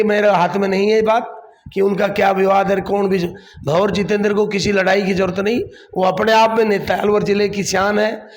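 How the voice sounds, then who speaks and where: A man, a district council chief answering a political interview defensively and repeating his points. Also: high-pitched.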